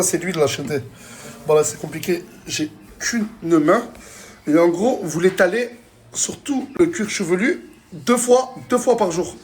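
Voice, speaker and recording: A man presents a casual vlog. He talks in excitable, familiar street slang, slipping easily between banter and product pitch. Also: a little hiss or hum. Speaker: vlogger and product promoter.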